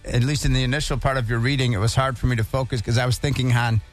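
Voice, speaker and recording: A man's voice: mid-range voice, fairly even intonation, rapid-fire, faint music behind. A male radio host in chatty, joking conversation, reading passages aloud and breaking in with asides. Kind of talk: casual radio chat.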